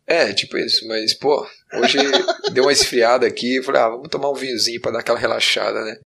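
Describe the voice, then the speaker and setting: A man's voice: medium pitch, steady tone, fast talker, creaky. A Brazilian man co-hosting a podcast, chatting casually in a laid-back, slangy way. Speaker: podcast co-host.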